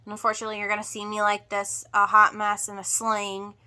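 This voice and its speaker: A woman giving a casual homestead update to viewers in a halting way, sounding drained and emotional after surgery. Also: mid-range voice, completely flat delivery, pushed and bright, smooth. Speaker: homestead vlogger.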